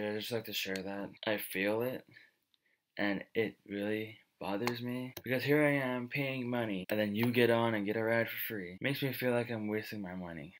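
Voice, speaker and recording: A man's voice: lowish voice, a bit bright. A man in his twenties giving a blunt, aggrieved, sweary casual rant to camera. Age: 20s. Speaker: vlogger. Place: small indoor home room.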